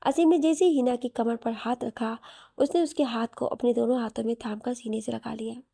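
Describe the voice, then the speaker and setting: A woman narrating a romantic audio story in a soft, even storytelling manner. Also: fairly high pitch, a little fast, creaky, no echo, studio quality.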